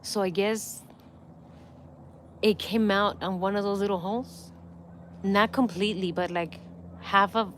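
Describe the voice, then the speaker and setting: Middle-aged lady on a phone livestream, cracking up while she tells a story, some faint noise behind. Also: mid-range voice. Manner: laughs often while telling a story. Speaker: livestream host. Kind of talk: casual storytelling to viewers.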